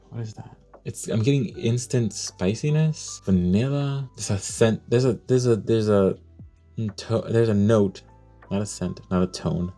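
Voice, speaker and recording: A man excitedly reviewing and unboxing fragrances, gushing and thinking aloud as he goes. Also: fairly low pitch, creaky.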